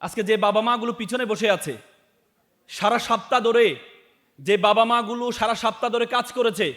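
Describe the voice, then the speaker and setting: A man's voice: extremely high pitch, moderate pace, a bit bright. A man giving an impassioned motivational speech to students and parents, repeating phrases for emphasis. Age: adult, has lost his father. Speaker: motivational speaker.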